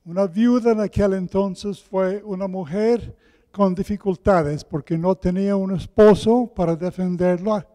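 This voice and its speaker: A man delivers a sermon at an unhurried, deliberate pace. His voice is fairly high for a man and softly mellow, and it rings through a big hall with long, cathedral-like echo. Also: fairly even intonation. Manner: deliberate, repeats key phrases for emphasis. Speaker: guest preacher. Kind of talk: sermon with Bible reading. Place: large echoing hall with pews.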